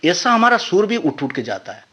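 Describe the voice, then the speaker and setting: High, lively man explaining. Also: moderate pace, breathy edge. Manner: earnest, teacherly, explains step by step. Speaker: guest musician, violinist. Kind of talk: explanatory interview talk.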